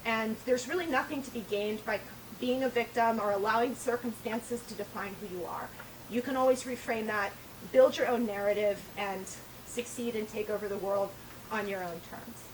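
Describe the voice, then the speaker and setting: A woman's voice: a little high, moderate pace, far from the mic, a little hiss or hum, rough recording. A woman giving an earnest, encouraging motivational talk. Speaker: speaker.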